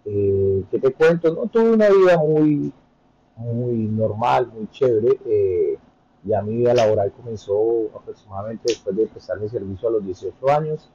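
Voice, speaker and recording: Husky Colombian man, low and mellow. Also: moderate pace, dull audio. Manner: relaxed, hesitant with frequent fillers. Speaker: podcast guest. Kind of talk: conversational interview storytelling.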